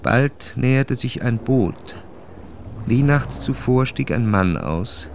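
A man narrating a literary radio drama in a measured, calm storytelling voice. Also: medium pitch, slight background noise.

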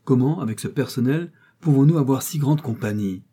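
A man's voice: mid-range voice, lively intonation, fairly quick, dark tone, slightly rough. A man voicing an anxious elderly housekeeper, a woman who talks in a fretful, worried way.

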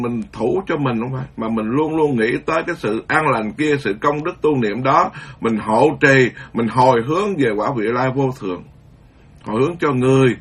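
A Buddhist monk giving an informal dharma talk, rambling and conversational, stumbling over repeated words. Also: male voice, medium pitch, a bit bright, slightly rough.

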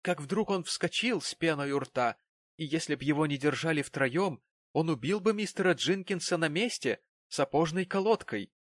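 A man's voice: fairly high pitch, expressive, moderate pace, no room sound, voice pushed up. A theatrical, effusive middle-aged landlady, put on by a male reader, lifted well above his own register. She pours out her tales with sighs and melodrama. The recording is dry and close. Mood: gushing. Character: gushing dramatic middle-aged landlady woman.

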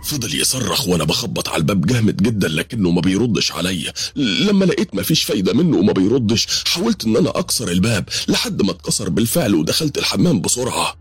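Husky, fast Egyptian horror narrator. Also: male voice, on the low side, sing-song, faint music behind. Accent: Egyptian Arabic. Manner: urgent, dramatic. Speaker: storyteller. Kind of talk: first-person horror story narration.

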